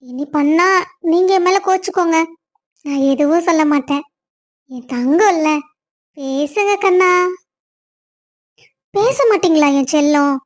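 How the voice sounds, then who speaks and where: A woman's voice: very high voice, expressive, normal speed, pauses often. A woman voicing a playful, teasing young wife in a cartoon story, coaxing and affectionate. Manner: teasing, sing-song, coaxing. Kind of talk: cartoon voice acting.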